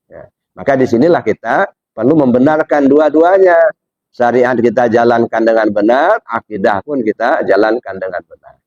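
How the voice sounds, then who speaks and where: A man giving a religious study lecture, asking his listeners rhetorical questions and jumping up in pitch to stress his points. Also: moderate pace, a little mellow, no echo, highs cut off. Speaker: Islamic religious teacher.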